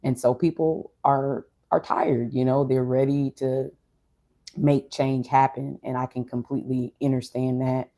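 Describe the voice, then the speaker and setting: A vlogger shares personal reflections in a casual monologue. The voice is mid-pitched, dark and mellow, with little melodic movement. Delivery is subdued, low in energy and unhurried. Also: flat delivery. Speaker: streamer or vlogger.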